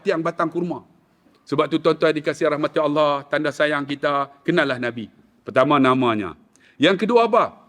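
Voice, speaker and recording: A man with a Kedah Malay accent giving a mosque lecture, telling a story in an animated way and acting out the people in it. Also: long reverb tail. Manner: animated, acts out quoted voices, sudden rises in pitch. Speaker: preacher.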